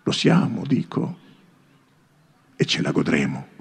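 A man's voice: extremely low pitch, huge pitch swings, takes it slowly, vocal fry, breathy edge, pitched below the performer's own voice, full character voice. A man doing a scornful, boastful young prince. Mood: scornful boasting. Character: arrogant mocking young male prince.

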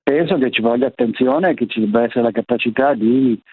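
A man's voice: mid-range voice, fairly quick, vocal fry, husky. A man calling into a radio show over a landline phone, speaking hesitantly and often restarting his words. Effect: heard over a landline phone. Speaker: radio call-in caller. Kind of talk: casual call-in chat. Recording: tinny phone line.

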